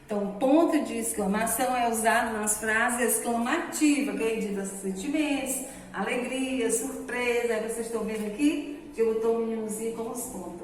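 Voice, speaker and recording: A woman's voice: fairly high pitch, slight background noise. Patient woman teacher, echoey and distant. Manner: slow, patient explaining with frequent "né?" and "ó". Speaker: primary school teacher. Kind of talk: recorded remote grammar lesson for children. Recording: echoey room from far off.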